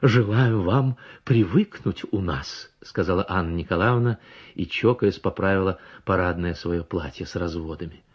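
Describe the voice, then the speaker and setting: Male audiobook narrator, expressive and measured, husky tone, lo-fi recording. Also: deep voice. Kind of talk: audiobook reading. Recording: dull lo-fi recording.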